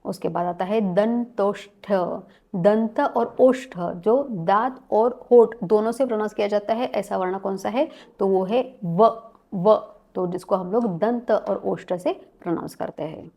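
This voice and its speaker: A woman's voice: medium pitch, unhurried, gravelly, dark tone. A woman teaching a Sanskrit lesson, listing sounds one at a time and mixing English words into her speech. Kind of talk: spoken classroom-style lesson.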